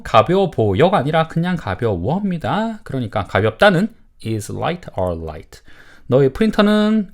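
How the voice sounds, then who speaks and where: A man teaching elementary English, explaining in lively bursts and reading model sentences slowly for repetition. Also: mid-range voice.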